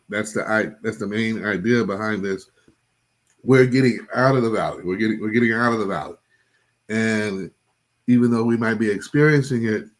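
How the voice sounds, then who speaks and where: A man teaching a Bible study in an impassioned preaching style, repeating phrases, stumbling over restarts and often checking in with "right?". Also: on the low side.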